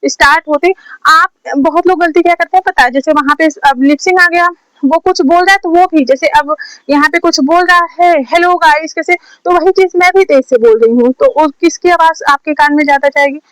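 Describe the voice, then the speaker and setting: A woman's voice: high-pitched, fairly quick, a bit bright, no room sound, rough recording. A woman from India casually teaching short-video lip sync, repeating her points again and again, recorded at home on a phone set on a stand. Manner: chatty, repetitive, drills points over and over. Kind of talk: casual tutorial talk.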